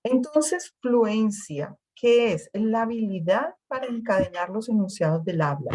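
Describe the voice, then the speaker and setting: A woman's voice: medium pitch, expressive, measured pace, warm tone, low-quality recording. Woman lecturing on speech therapy. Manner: explanatory, repeats words while searching, asks "¿sí?". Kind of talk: classroom lecture.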